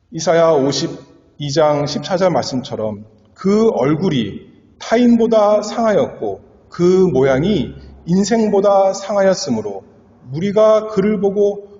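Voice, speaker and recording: A male pastor gives an earnest expository sermon in a fairly high, mellow voice, swelling and dropping dramatically for emphasis. The recording has the echo of a hall and a dull lo-fi sound.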